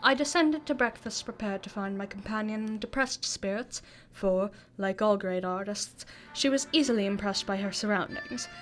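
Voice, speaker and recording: A woman's voice: medium pitch, normal speed, hardly any pauses, soft background music, natural voice. A woman playing Doctor Watson, a cheery, curious detective's companion, in an amateur radio drama with polite, old-fashioned, exclamatory speech. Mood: reflective narration.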